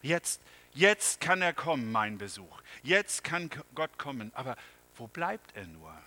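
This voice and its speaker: A frantic ordinary man, loud and panicky, as a pastor puts him on. His voice is bright and pressed, and he hurries along in a storytelling sermon. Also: mid-range voice, big pitch swings, measured pace, heavily acted. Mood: relieved. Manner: shouting in panic. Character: frantic ordinary man expecting a holy guest.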